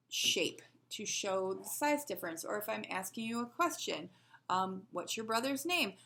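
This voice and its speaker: A woman's voice: on the high side, a bit bright. A woman teaching a sign language lesson, patiently explaining and asking rhetorical questions as she demonstrates.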